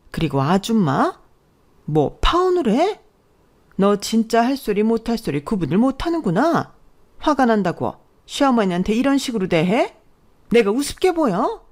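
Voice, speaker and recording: A woman's voice: a little high, big pitch swings, moderate pace, voice pushed up. A woman voicing a scheming middle-aged prospective mother-in-law who scolds in a haughty, indignant way. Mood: shrill scolding.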